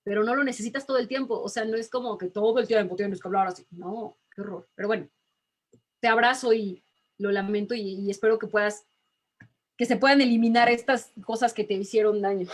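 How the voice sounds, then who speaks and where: A woman voice teacher, talking emphatically in a relaxed interview and laughing often. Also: medium pitch, brisk. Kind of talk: casual video-call interview.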